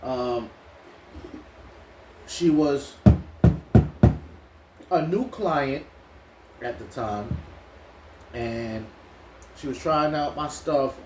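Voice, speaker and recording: Chatting while eating, this mukbang co-host from New York spins stories in casual slang and keeps starting over. He speaks at medium pitch, extremely slowly, with long pauses, and the room sounds echoey with faint background noise.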